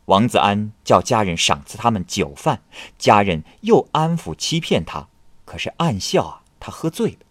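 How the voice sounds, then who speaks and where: Lively male storyteller with dramatic swings. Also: lowish voice, husky, dry recording. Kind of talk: scripted narration of classical ghost tales.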